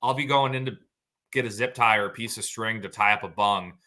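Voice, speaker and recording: A man's voice: on the low side, fairly quick, bright, forceful tone. A man hosting a podcast in casual chat, with a jokey, self-deprecating way of talking. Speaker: podcast host.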